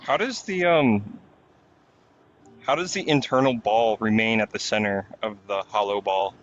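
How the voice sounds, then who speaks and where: A man chatting casually speaks slightly low. He rambles and fills gaps with ums. His mic sounds dull and lo-fi with faint background noise. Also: measured pace. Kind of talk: casual chat.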